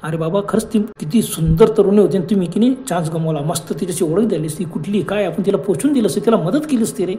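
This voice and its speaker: Imagine a storyteller doing a cocky young man in a ghost story, waving off his friends' fears with teasing insistence. The voice is dark and mellow, close to the teller's own. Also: high voice, fast talker, few pauses, lightly acted. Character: bold young men mocking their scared friends.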